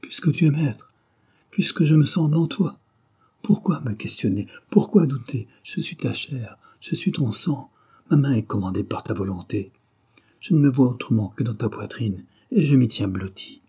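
A man's voice: mid-range voice, brisk, few pauses, warm tone, breathy edge. A man voicing a passionate young woman devoted to her lover, reading a novel aloud in a fervent, pleading way.

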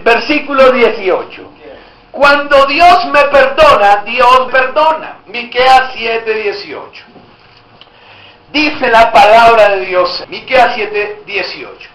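A man's voice: very high-pitched, sharp tone, a little hiss or hum. A man preaching a sermon as pastor, emphatic and often asking the congregation rhetorical questions. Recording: echoey room.

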